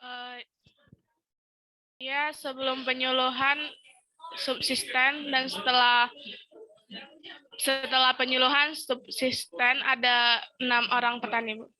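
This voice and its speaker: A woman student with a high, bright voice answers her lecturer slowly over a video call. Her pitch stays flat and even, and the sound is dry. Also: no echo, low-quality recording. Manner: slow, hesitant answer.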